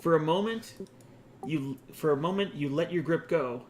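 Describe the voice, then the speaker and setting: A man's voice: on the high side, normal speed, a little mellow, a little hiss or hum. A man running a tabletop game as game master, describing scenes in the second person with the odd laugh.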